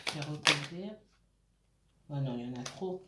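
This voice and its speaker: A woman's voice: low voice, moderate pace, heavy background noise. A woman giving a casual tarot reading, hesitant, with many fillers and restarts, and often checking in with her listeners. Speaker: tarot card reader. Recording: roomy echo.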